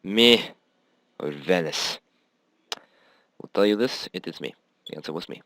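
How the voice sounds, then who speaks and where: Man, casual game commentary, rambling and cursing, low voice, bouncy intonation, dry sound. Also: lively intonation, a little slow, a bit bright, dry recording. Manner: rambling, swears often, laughs at himself. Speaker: gamer commenting on his own play.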